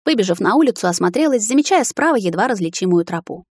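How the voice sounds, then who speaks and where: A woman narrating a novel in the first person, in a steady, measured reading. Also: medium pitch, breathy edge, no echo, studio quality. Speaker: audiobook narrator.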